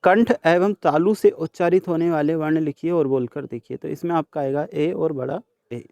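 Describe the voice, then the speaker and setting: A male teacher solving a worksheet for students, sounding out each letter slowly and speaking to the class directly. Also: on the high side, gravelly, warm tone, no echo. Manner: slow, deliberate sounding out of letters. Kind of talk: worksheet solution lesson.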